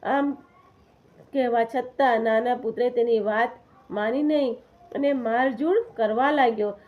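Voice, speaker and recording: Woman with a highish voice reading a devotional story, steady and even. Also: measured pace.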